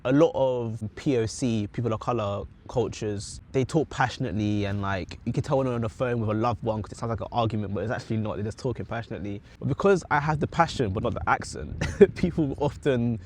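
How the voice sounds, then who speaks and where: Talking quickly in a medium-pitched voice, a young British man reflects on his ambitions in a loose, rambling talking-head vlog. He frequently stops to correct himself mid-sentence, and slight background noise can be heard.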